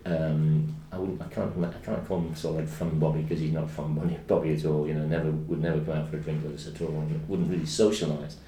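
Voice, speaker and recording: Man in his 70s, English accent, deep mellow voice, anecdotal guest storyteller with a salty tongue, roomy distant-mic sound. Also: fast talker, hardly any pauses. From England. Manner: lively anecdotal, acts out other people's quotes, salty language. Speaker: podcast guest, squash coach. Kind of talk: casual storytelling in conversation. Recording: roomy, distant mic, faint background noise.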